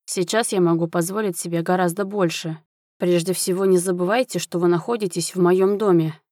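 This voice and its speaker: A woman's voice: lowish voice, fairly even intonation, brisk, darkish tone, dry recording, clean studio sound, lightly acted. A woman voicing a stern male lord and soldier who speaks curtly and commandingly. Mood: cold command. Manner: curt, commanding. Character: stern cold male military lord, quick to anger.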